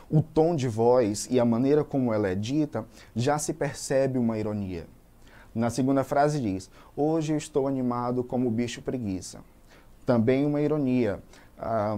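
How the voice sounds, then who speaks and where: A man with a Brazilian Portuguese accent teaching a recorded language lesson, reading example sentences aloud and explaining them slowly and methodically. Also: mid-range voice, dark tone.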